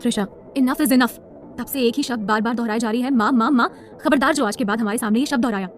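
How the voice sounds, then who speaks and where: A woman's voice: a little high, fast, faint music behind, close to an everyday voice. A woman voicing a young woman who scolds and then coaxes a child with formal, polite address. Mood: angry. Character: young woman, stern but caring guardian.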